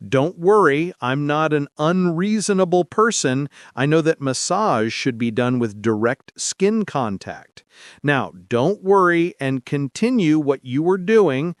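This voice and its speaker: Seductive, commanding noblewoman, put on by a male narrator; soft coaxing lines in an audio story, lively dry voice. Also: a little high, a little slow, no room sound. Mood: teasing.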